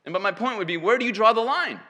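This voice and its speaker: A man's voice: high-pitched, lively intonation, fast talker, pushed and bright. A man preaching an expository sermon to a congregation, emphatic and given to self-deprecating asides. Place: church hall with an audience. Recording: long hall reverb.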